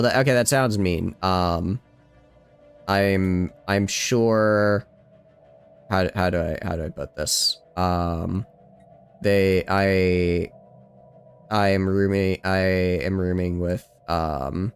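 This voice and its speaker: A man streaming a strategy game late at night at home, talking quietly in a rambling, self-joking way. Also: low-pitched, smooth. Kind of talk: casual gameplay commentary.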